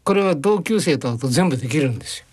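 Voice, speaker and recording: A man's voice: fairly high pitch, animated, quick pace, a little mellow, breathy edge. A man as a guest journalist on a radio interview, telling anecdotes chattily and slipping into quoted voices and regional dialects. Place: radio studio.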